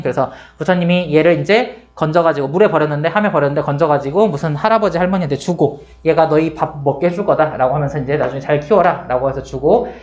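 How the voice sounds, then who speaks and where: A man's voice: fairly high pitch, muffled recording. A man in his forties giving a classroom literature lecture, chatty, acting out quotes in changed voices. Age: 40s. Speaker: Korean literature teacher.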